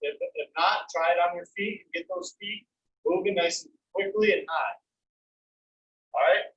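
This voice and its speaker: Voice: mid-range voice, moderate pace, a bit bright, highs cut off. An exercise instructor coaching a rehab workout like a gym coach, urging people on in an encouraging way. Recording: roomy, distant mic with faint noise.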